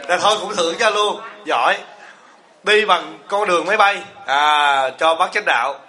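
A man's voice: high-pitched, moderate pace, pushed and bright. A man giving a humorous sermon as a Buddhist monk teacher, asking the audience rhetorical questions and joking with them. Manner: asks the audience rhetorical questions, jokes and teases. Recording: echoey hall.

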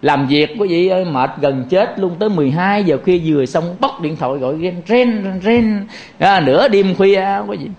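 A man's voice: high-pitched, fairly quick, few pauses, a little mellow, dull audio. A man, a Buddhist monk giving a chatty, joking sermon to lay followers and turning to address them again and again.

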